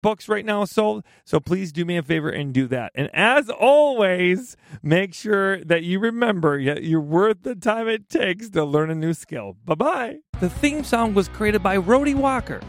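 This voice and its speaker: A woman's voice: on the low side, animated, a little slow, hardly any pauses, no echo, clean studio sound. A woman hosting a home-repair advice podcast, chatting casually in a playful, joking, self-teasing way. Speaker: podcast host.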